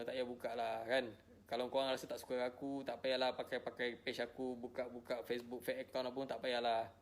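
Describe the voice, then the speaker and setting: A married man from Malaysia speaking straight to his viewers, weary and defensive, repeating himself often. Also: medium pitch. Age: adult, married with a child. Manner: repetitive, defensive, tired. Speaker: social media personality. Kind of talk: emotional direct-to-camera statement.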